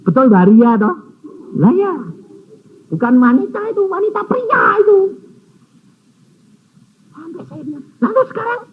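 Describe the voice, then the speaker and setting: A man preaching a storytelling sermon, acting out conversations with sudden high squeals and low murmurs. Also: big pitch swings, measured pace, long pauses. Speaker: evangelist preacher. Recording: muffled phone-like sound with faint noise.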